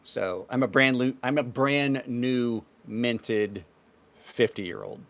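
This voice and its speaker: His mid-range voice is gravelly, a bit bright, and very animated, though his pace is slow. He's a knife channel host in his fifties on a casual livestream, answering viewers' questions offhandedly and at length.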